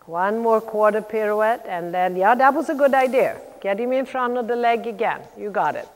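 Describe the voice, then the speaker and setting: Woman riding coach calling brisk commands, echoing hall. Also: fairly high pitch, lively intonation. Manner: brisk projected commands with encouragement and blunt corrections. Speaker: riding instructor, clinician. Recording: long echoing reverb of a large hall.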